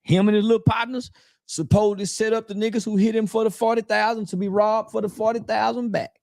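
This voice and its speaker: A man with a notably high voice launches into a defiant interview rant, blunt and profane, circling back to the same points again and again. The sound is dry and close, with almost no room around it. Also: level tone, fast talker, vocal fry, darkish tone, no room sound. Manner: profane, blunt, repeats himself; defiant and angry. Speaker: interview guest.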